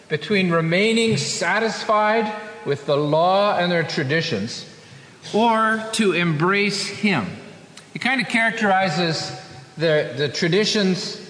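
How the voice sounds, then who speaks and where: A man preaching a sermon as pastor, with earnest emphasis, rising on key phrases and slowing down for scripture quotations. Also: on the high side, a bit bright. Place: church. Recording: echoey church hall.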